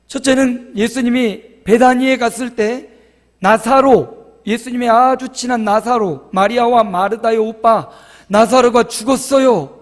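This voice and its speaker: Male pastor, high pitch, lively storytelling sermon, long church echo. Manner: animated storytelling, acts out groans and quotes. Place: church sanctuary.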